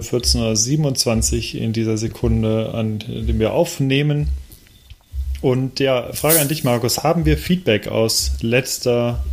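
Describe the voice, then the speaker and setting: Male co-host, average pitch, chatty and rambling, restarts often. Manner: rambling, hesitant, many fillers. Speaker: podcast co-host. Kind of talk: casual podcast chat.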